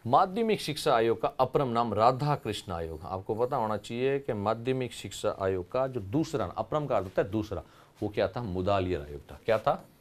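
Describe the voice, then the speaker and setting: Rajasthani-accented guy going through test answers, lowish voice, asks then answers himself. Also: big pitch swings, moderate pace. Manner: explains step by step, asks and answers his own questions. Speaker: teacher. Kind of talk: exam solution lecture.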